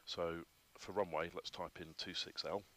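Deep-voiced flight instructor. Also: male voice, fairly even intonation, moderate pace, pushed and bright. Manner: patient, explaining step by step with many ums. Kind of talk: hands-on instruction. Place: flight simulator cockpit.

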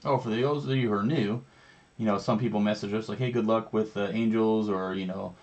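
A man's voice: on the low side, fairly quick, lo-fi sound. Man calling out cards on a live break. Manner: names each card in a steady running commentary. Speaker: card break host. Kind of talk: casual live card-opening chat. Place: indoor studio with a branded backdrop.

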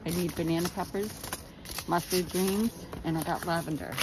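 A woman's voice: on the low side, moderate pace. A woman chatting casually as she walks through a large store, filming on her phone and pointing out prices. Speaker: vlogger. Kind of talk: casual shopping vlog narration. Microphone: phone camera held while walking. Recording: noisy store background.

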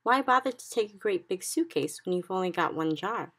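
Polite little girl done by a woman reading, soft, bright, a bit husky. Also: lowish voice, animated, brisk.

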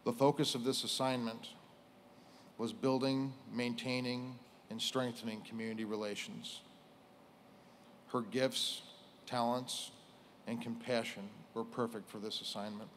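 A man's voice: medium pitch, flat delivery, slight background noise. Solemn American man giving a formal eulogy. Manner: solemn, measured, pausing between short phrases. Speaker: police chief giving a eulogy. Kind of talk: formal prepared funeral speech. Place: indoors on a stage at a lectern. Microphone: lectern microphone.

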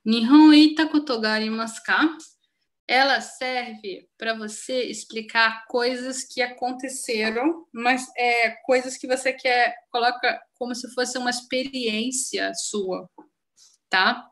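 A woman's voice: on the high side, fairly even intonation, slow pace, fairly bright tone. A woman with a Brazilian Portuguese accent giving a casual live-stream language lesson, chatty and full of examples, often checking that viewers follow. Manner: chatty, explains with many examples and check-ins. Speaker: Japanese teacher.

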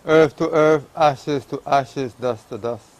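A man, a priest at a graveside, reciting a funeral liturgy in a solemn, measured, prayerful way. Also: mid-range voice, a little mellow. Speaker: priest officiating a burial.

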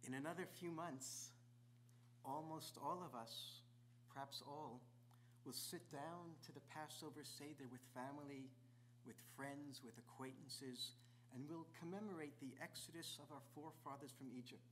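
A man's voice: fairly high pitch, moderate pace, a bit bright, a little hiss or hum. A middle-aged man, a visiting rabbi, gives a sermon in a large synagogue sanctuary, stacking up repeated rhetorical questions. He is picked up by a distant camera.

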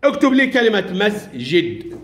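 Egyptian male schoolteacher, bright high voice with a lot of lift, cheering pupils on through a classroom drill. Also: sing-song, moderate pace. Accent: Egyptian Arabic. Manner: encouraging, praises pupils often. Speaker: primary school teacher.

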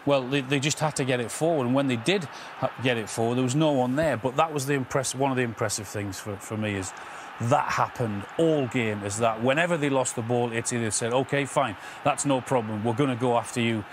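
A middle-aged man giving measured post-match analysis in a TV studio, often repeating words as he explains. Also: mid-range voice, background noise. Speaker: football pundit.

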